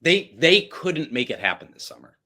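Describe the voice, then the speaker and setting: Bright-voiced joking man. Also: on the high side, very animated, normal speed, husky. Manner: joking, playful, exaggerated groans. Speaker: podcast co-host. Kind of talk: casual sports podcast banter.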